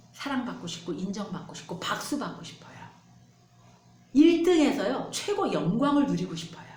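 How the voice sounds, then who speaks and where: A woman pastor preaching a sermon in an animated, emphatic way. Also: mid-range voice, reverberant.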